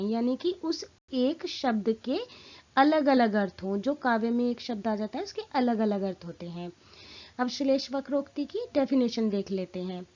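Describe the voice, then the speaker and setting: A woman teaching a Hindi grammar lesson in a clear, explanatory way, stressing her example lines. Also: high voice, a little mellow, dull audio.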